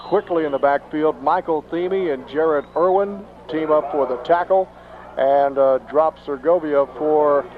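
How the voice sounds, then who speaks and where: A man with a Texan accent calling high school football play-by-play, excitable and rising sharply on big plays. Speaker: play-by-play announcer. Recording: dull lo-fi 1990s broadcast tape, faint noise.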